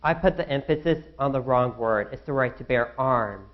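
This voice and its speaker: A man's voice: medium pitch, a little fast, dull audio, lightly acted. A young man playing an anxious founding father in a student skit, fretting aloud to himself. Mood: worried musing. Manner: fretful, talks to himself.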